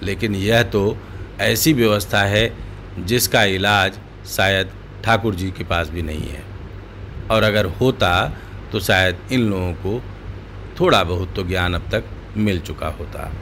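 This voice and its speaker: A man's voice: sits low, a little slow, a bit bright, slight background noise. A man giving critical news commentary in a sarcastic, indignant manner.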